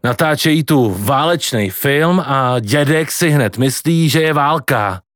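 A man's voice: animated, a bit bright, dry recording, studio quality, natural voice. A man voicing a worried elderly grandmother who scolds and comforts. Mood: soothing. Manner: shrill scolding.

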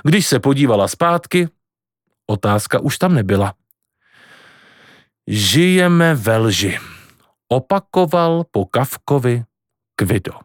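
A man reading a novel aloud, narrating in an expressive storytelling manner. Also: mid-range voice, no echo, studio quality. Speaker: audiobook reader. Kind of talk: scripted narration.

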